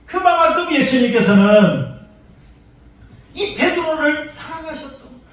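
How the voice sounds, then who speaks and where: High, lively male preacher in echoey hall. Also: unhurried, distant mic. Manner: emphatic, repetitive preaching cadence. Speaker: pastor. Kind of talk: sermon. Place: church sanctuary. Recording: echoey church hall, voice from afar.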